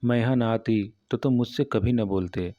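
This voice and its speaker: A man's voice: mid-range voice, normal speed, warm tone, lightly acted. A man voicing an innocent, devoted young village woman who speaks simply and artlessly in a storybook reading. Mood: tender. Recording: dull, muffled audio.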